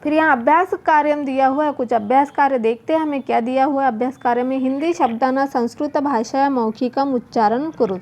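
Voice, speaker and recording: A woman teacher going through a children's workbook lesson, reading out word lists slowly and explaining each one in turn. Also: high-pitched, darkish tone. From India. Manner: slow, drawn-out word recitation.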